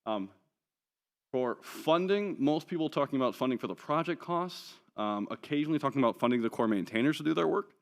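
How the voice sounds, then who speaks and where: Speaking a little fast in a gravelly, medium-pitched, expressive voice, a conference speaker with a New Zealand accent works through his slides in a conference hall. His delivery is casual and wry, with lots of ums and offhand jokes.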